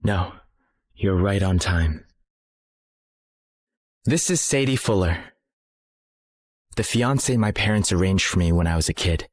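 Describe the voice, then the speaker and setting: Casting: a young man, deep and firm, coolly resolute, short-drama dub, close dry recording. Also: lively intonation, a little slow, pauses often, dry recording. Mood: cold rejection. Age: young adult. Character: cool, resolute young man spurning old childhood friends.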